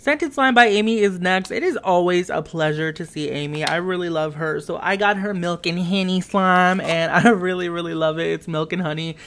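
A man's voice: sits high, normal speed, hardly any pauses, fairly bright tone, slight background noise. A man chatting enthusiastically in a casual voice-over as he shows off and reviews slimes. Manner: enthusiastic, gushing, upbeat. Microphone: voice-over over tabletop footage.

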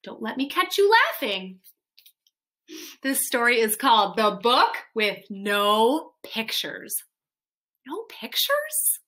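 A woman's voice: on the high side, very animated, takes it slowly, bright, forceful tone. A woman teacher reading a picture book aloud to children with playful, mock-dismayed reactions.

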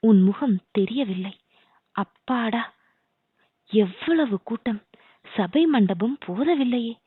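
A woman's voice: a little high, expressive, slow pace, husky, no echo, heavily acted. A woman reading the part of a newly crowned young king, speaking earnestly and tenderly to his beloved. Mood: warm, eager. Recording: dry, tinny phone-like sound.

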